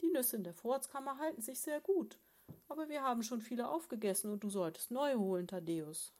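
A woman's voice: fairly high pitch, lively intonation, fairly quick, a little mellow, pitched above the performer's own voice, natural voice. A woman reading aloud, voicing a patient, motherly female bear in a children's story, soothing her husband.

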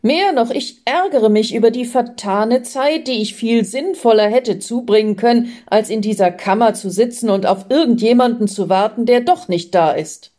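A woman's voice: a little high, normal speed, few pauses, warm tone, pitched above the performer's own voice, lightly acted. A woman voicing a restless, doubting man who frets and complains as he tries to meet Jesus. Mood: frustrated. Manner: frets and complains, rising to agitation.

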